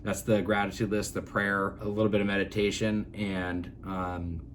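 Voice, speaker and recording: A man's voice: lowish voice, flat delivery, normal speed, slight background noise. A man co-hosting a casual podcast chat, talking earnestly and rambling with many fillers and restarts. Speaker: podcast co-host.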